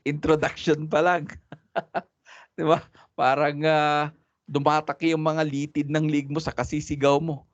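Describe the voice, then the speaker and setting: A man's voice: a little high, level tone, slow, long pauses, no room sound. Chatty man teaching preachers, dull dry audio. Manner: mixes Tagalog and English, chatty, laughs often, acts out loud preachers. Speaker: homiletics teacher. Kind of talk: casual Taglish lecture on preaching. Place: church classroom.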